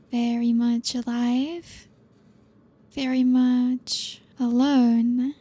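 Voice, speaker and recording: In an ASMR roleplay, a young woman plays a teasing, possessive aristocratic vampire, speaking slowly and softly in hushed whispers with a slightly high voice.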